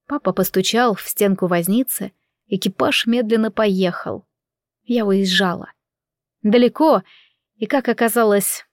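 Woman narrator, first-person audiobook, even and measured; dry, close-miked sound. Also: medium pitch, no echo.

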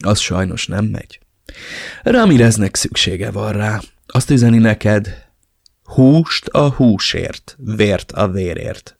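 A man voicing a cold, calmly menacing male traitor speaking on the phone in an audiobook. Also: on the low side, vocal fry, slightly rough, no echo, clean studio sound, exaggerated voice.

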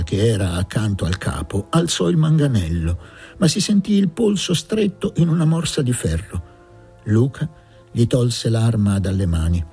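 A man narrating a novel aloud in a measured, expressive reading. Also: medium pitch, slightly rough. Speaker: audiobook reader. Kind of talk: literary audiobook narration.

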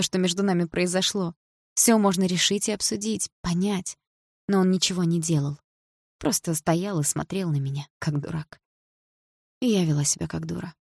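A woman reading a first-person novel aloud in a quiet, measured way. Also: lowish voice, vocal fry, breathy edge, dry recording, clean studio sound. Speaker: audiobook narrator.

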